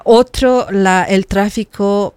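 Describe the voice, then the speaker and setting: A woman's voice: mid-range voice, steady tone, slow, a little mellow, clear, resonant tone, dry recording. A middle-aged woman talking earnestly in a casual conversation, often repeating words as she searches for them. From Bolivia. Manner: earnest, with frequent hesitant repetitions.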